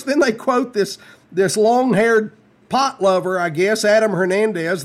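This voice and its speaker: A man hosting a conservative talk radio show, folksy and scornful, his voice jumping up when he mocks. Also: high voice. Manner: folksy, scornful, rises sharply when mocking.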